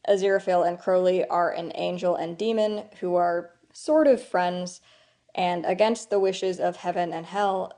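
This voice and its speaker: Young woman, low mellow voice, video essay. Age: young adult. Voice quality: morning voice, a little off from usual. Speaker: video essayist, channel host. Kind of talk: scripted video essay narration with informal asides. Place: indoors, a room with some reverberation. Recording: slightly reverberant room.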